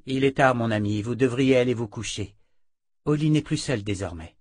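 A man reading an audiobook, voicing a commanding woman inquisitor who is stern with enemies and gentle with a child. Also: medium pitch, fairly quick, no echo, natural voice. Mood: tender. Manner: commanding, firm.

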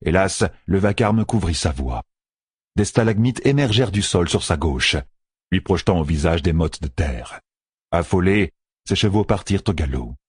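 A man narrating a fantasy audiobook with expressive, dramatic storytelling. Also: deep voice, moderate pace, husky, no room sound, studio quality.

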